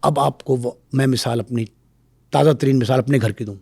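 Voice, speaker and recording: A middle-aged man speaking as a guest on a talk show, telling stories in a lively way and acting out the voices he quotes. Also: medium pitch, gravelly, breathy edge, no room sound. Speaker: guest expert. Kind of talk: animated talk-show storytelling.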